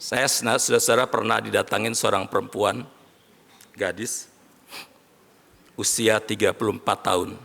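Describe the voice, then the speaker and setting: Brief: male pastor, sermon, gravelly bright voice, rises to shouts, long hall reverb. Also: on the low side, steady tone, normal speed, long pauses. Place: large worship hall.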